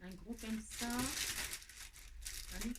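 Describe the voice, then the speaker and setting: Speaking very slowly in a higher register over a noisy background, a French woman hosts a casual live crafting tutorial, chatting to viewers as she works. She talks to herself, hums little nonsense tunes, and expressively scolds herself over slips.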